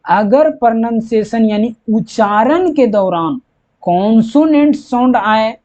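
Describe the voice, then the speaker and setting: On a dull lo-fi recording, an English teacher with a mellow, mid-range voice gives a slow classroom explanation of grammar. Working step by step, the teacher repeats each point and answers their own questions.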